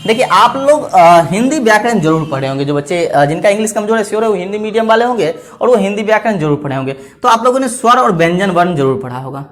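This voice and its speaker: A man teaching an exam-prep grammar lesson, repeating each point as a question and asking his students whether it is clear. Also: high-pitched, expressive, fast, few pauses. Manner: checks understanding with "clear?" and "theek hai na".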